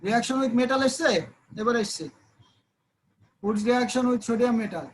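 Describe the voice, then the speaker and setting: A man's voice: extremely high pitch, fairly even intonation, very slow, slight background noise. A male chemistry teacher giving an online class from his laptop. His voice breaks up and stutters over a bad internet connection, and he explains step by step, often checking with "isn't it?".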